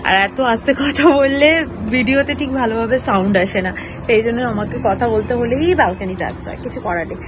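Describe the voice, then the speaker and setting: A woman's voice: a little high, a little fast, background noise. A middle-aged Bengali woman from India, chatting casually to her viewers in a home vlog while doing chores. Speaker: vlogger. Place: home, balcony and kitchen, after a walk.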